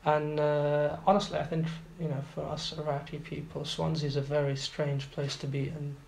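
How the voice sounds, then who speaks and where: A man's voice: a little high, little pitch movement, normal speed, gravelly, a little mellow. A man in his twenties from Iraq, talking as an interview guest, hesitant with many fillers and restarts. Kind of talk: casual interview. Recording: roomy echo, faint background noise.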